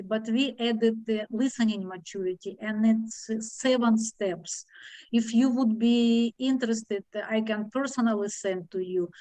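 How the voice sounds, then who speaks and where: A woman with a foreign accent leading an online discussion group, speaking haltingly with many fillers and restarts over a video call. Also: medium pitch, no room sound, rough recording.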